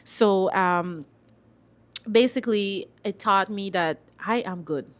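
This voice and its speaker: A Guyanese woman talks casually as an artist being interviewed. Her voice sits at an average pitch for a woman. She speaks emphatically, repeating short phrases to stress her point. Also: slow pace. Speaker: singer-songwriter, interview guest.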